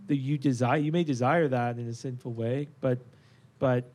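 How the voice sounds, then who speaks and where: An earnest man hosts a casual faith discussion at an average pitch. He presses his points with emphasis and often restarts with "um" and "and". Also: steady tone, normal speed, darkish tone. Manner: earnest, emphatic, many fillers. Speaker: podcast host.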